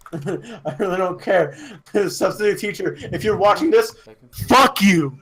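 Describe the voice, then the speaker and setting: High-voiced laughing, swearing young man. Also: measured pace. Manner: laughing, swearing storyteller who mimics yelling. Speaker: podcast co-host. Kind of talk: casual chat.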